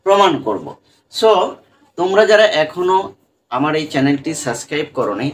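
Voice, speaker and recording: A man teaching English pronunciation to students in a lesson, who keeps asking questions and answering them himself. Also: a little high. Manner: asks questions and answers them himself, repeats "right?" and "dekho". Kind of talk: classroom-style lesson addressing students. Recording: faint background noise, a bit distant from the mic.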